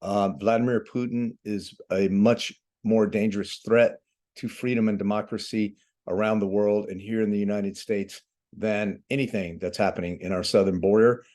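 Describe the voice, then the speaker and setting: A man leaving a measured, earnest voicemail, speaking formally with occasional fillers. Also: lowish voice, steady tone, darkish tone. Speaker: host calling his representatives. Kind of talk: formal phone message.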